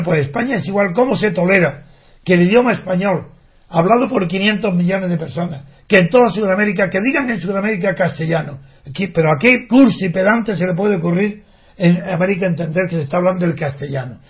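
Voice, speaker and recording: A man giving an impassioned, indignant monologue, full of rhetorical questions and restarts. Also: sits high. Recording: dull lo-fi recording.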